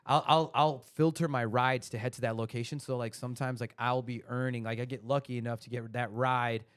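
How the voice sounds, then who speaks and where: A man's voice: mid-range voice, steady tone, a little fast, a bit bright, clean tone. A man in his thirties hosting a casual podcast chat, rambling along with lots of "like" and "you know". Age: 30s. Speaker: podcast host.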